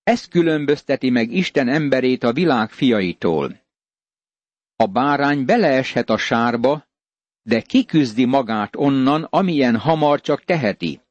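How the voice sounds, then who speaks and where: A man's voice: medium pitch, animated, no echo, lo-fi sound. A man giving an earnest radio Bible sermon, speaking straight to the listener as a friend. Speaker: Bible teacher.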